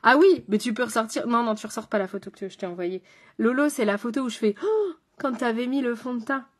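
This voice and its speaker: A woman with a French accent speaks quickly in a fairly high voice. She's a makeup artist doing her own makeup on a live stream, chatting directly with her viewers and the chat.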